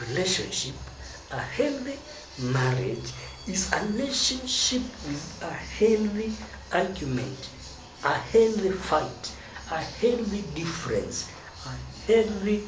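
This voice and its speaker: With a high, sing-song voice, a Kenyan man teaches marriage advice slowly and pauses often, lingering on key words he stresses. The audio is noisy and echoey, recorded from some distance.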